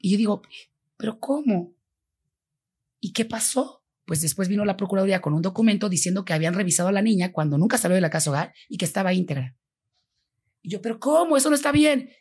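A Mexican woman being interviewed, her voice breathy with a husky edge. She tells her story vividly, switching into the voices of each person she quotes. Her pitch sits in an ordinary middle range. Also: fast, long pauses. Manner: animated, acts out quoted dialogue. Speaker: foundation founder, guest.

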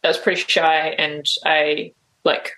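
Unhurried and flat in delivery, this New Zealand woman's low voice has a bright, forceful tone. As an interview guest answering casually, she hesitates and leans heavily on "like" and "um."

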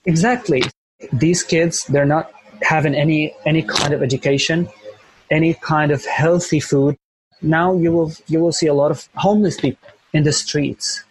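Speaking English as a second language with a Syrian Arabic accent, a young Syrian volunteer teacher answers interview questions earnestly, repeating phrases as he gropes for words. His voice is on the high side with a breathy edge, steady in tone and at normal speed. The recording quality is low.

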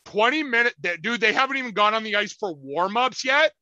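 High, bright-voiced man telling stories. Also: fairly quick, no echo, dull audio. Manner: animated, profane, acts out quotes in loud voices. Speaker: podcast co-host. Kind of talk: casual storytelling chat.

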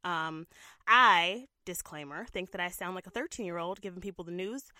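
Bright, chatty young woman podcaster. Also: fairly low pitch, normal speed, no room sound, clean studio sound. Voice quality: throaty and nasal. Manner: chatty, laughs often, many fillers. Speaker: podcast co-host and TV news reporter. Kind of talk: casual podcast chat.

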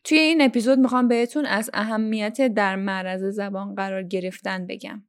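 A young Iranian woman hosting a language-learning podcast, talking listeners through tips in a clear, instructive way. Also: medium pitch, fairly even intonation. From Iran. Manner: instructive, addresses listeners directly. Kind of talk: scripted podcast lesson.

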